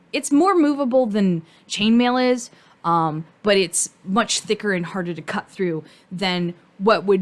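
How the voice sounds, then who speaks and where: A woman giving casual, rambling fan commentary on cartoon costume design, informal and thinking out loud. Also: medium pitch.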